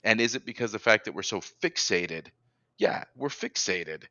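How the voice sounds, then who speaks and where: A man's voice: fairly low pitch, moderate pace, no room sound. A man hosting an interview, talking energetically and emphatically as he builds his point. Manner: energetic and emphatic, rising with excitement. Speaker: interview host. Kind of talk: conversational interview.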